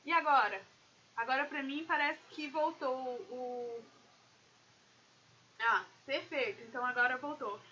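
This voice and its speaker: A woman with a high, bright, ringing voice talks animatedly to her viewers as a business consultant on a live stream. The audio is a little dull and lo-fi, with faint room ambience behind her. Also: a little slow, long pauses, a little hiss or hum. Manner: animated, addresses viewers directly.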